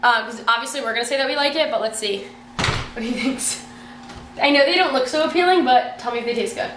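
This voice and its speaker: A woman's voice: high voice, very fast, background noise. A young woman vlogger chatting casually in her kitchen as she bakes and taste-tests. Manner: chatty and rambling, with many fillers and giggles. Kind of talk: casual cooking vlog chat. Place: home kitchen.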